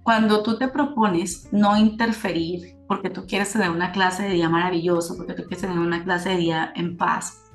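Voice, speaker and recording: A woman's voice: lowish voice, fairly even intonation, moderate pace, soft background music. Woman teaching, echoey room. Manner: thoughtful, often ends points with tag questions. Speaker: spiritual teacher. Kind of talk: conversational spiritual teaching. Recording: roomy echoey sound.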